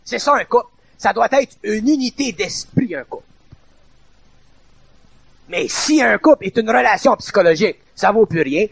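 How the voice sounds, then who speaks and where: A middle-aged man with a Quebec French accent lectures informally, circling back to his points with emphatic repetition. His voice sits high and carries a gravelly edge. The recording is dry and close, with no room sound. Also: lively intonation, normal speed, pauses often, no echo.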